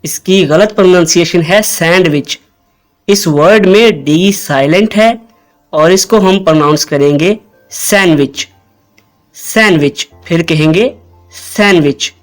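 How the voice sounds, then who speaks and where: A man hosting a pronunciation lesson, patiently repeating each word slowly so listeners can say it back. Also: high voice, soft background music. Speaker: host and English pronunciation teacher.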